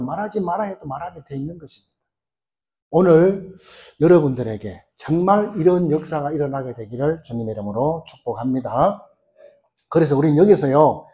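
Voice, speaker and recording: A middle-aged pastor's sermon is full of rhetorical questions and quick acted-out quotes. His voice is slightly high for a man, with a mellow, warm tone.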